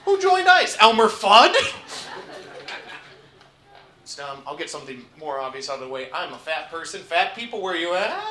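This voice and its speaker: A young man from upstate New York doing a stand-up comedy set, trading wry deadpan asides for loud punchlines. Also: fairly high pitch, fast, few pauses, crowd noise. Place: comedy club at a resort. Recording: roomy club stage mic.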